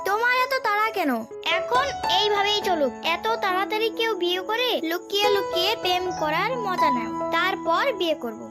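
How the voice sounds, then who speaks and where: A woman's voice: very high voice, expressive, moderate pace, over loud music. A woman voicing a sweet-talking, scheming young girlfriend who coaxes money from her lover, in a dubbed comedy skit. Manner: coaxing, sugary.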